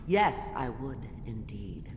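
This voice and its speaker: A woman's voice: a bass voice, very animated, slow, over music, full character voice. Elderly singsong dotty old lady, echoing. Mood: dotty muttering. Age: older. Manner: elderly singsong, muttering and repetitive. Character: dotty elderly blind woman, genteel, muttering, sinister. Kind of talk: video game character acting.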